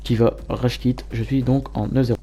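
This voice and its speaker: A man giving matter-of-fact play-by-play commentary as a gamer over his own match highlights. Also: steady tone, moderate pace, warm tone, faint music behind. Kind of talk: gameplay commentary.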